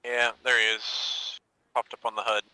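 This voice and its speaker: A man's voice: lowish voice, flat delivery, moderate pace, noisy background. A man acting as pilot for his team, talking in gaming voice chat over a headset mic and making dry, wry jokes.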